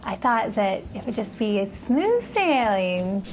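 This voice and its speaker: A woman's voice: mid-range voice, sing-song, measured pace. Chatty woman guest with music underneath. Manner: chatty, laughing recounting of mishaps. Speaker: guest, the bride. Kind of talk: casual storytelling interview.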